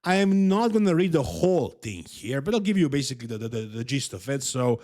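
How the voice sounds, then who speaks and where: A native Serbian speaker with a Serbian accent hosts casual bodybuilding commentary, giving emphatic, opinionated views and repeating himself often. His mid-range voice swings widely in pitch, runs a little fast, and has a dark tone.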